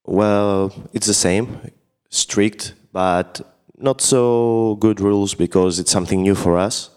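A man with a very low, smooth, resonant voice. He answers in short, plain statements. The room gives his voice a long reverberant tail. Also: steady tone, slow, a little mellow. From Greece. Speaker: podcast guest. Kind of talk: casual discussion answers.

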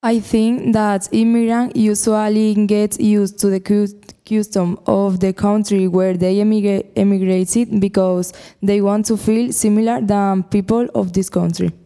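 Teenage girl, student guest, prepared lines, warm smooth tone. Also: mid-range voice, little pitch movement, a little slow, few pauses. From Spain. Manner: careful, prepared short answers.

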